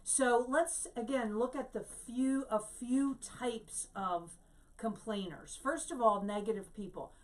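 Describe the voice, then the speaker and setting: A woman's voice: on the high side, measured pace, distant mic. Chatty middle-aged woman teaching. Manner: chatty, keeps asking "right?". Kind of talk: conversational teaching.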